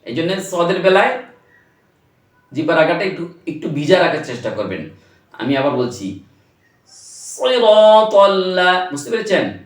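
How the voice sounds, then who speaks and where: A man teaching Quran recitation, patiently explaining pronunciation and then demonstrating it in slow, drawn-out chanting. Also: on the high side, lively intonation, reverberant, far from the mic.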